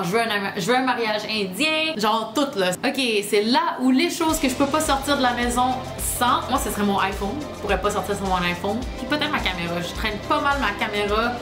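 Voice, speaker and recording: A woman in her twenties from Quebec with a Québécois accent, chatting casually to camera as a travel vlogger. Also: mid-range voice. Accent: Québécois French. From Quebec, Canada. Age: 20s. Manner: chatty and relaxed, loose colloquial speech. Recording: echoey room with music behind.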